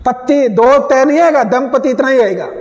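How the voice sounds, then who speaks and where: A male Hindi grammar teacher lecturing a class, quizzing students with repeated questions and spelling words out slowly. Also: very high voice, darkish tone, big-room sound, a little hiss or hum.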